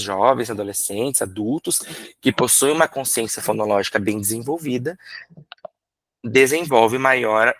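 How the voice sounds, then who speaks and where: A man from Brazil, a literacy teacher, explaining in a workshop lecture, asking himself rhetorical questions and sounding out syllables slowly. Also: medium pitch, fairly bright tone, no room sound.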